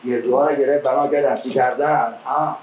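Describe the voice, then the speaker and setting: A man performs as an epic teahouse storyteller. His delivery is theatrical, shifting between declaimed verse and colloquial telling in a medium-pitched voice. The room is echoey, with faint noise behind him. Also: fairly even intonation, lo-fi sound. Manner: theatrical, with raised declaimed calls and drawn-out verse. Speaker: traditional Persian storyteller (naqqal).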